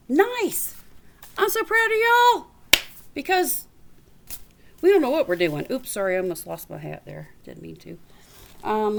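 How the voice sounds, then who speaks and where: A woman with a high voice, an elementary teacher, reads a storybook aloud at a little desk in a small space away from school. She adds folksy, informal asides and words of encouragement. There is slight background noise.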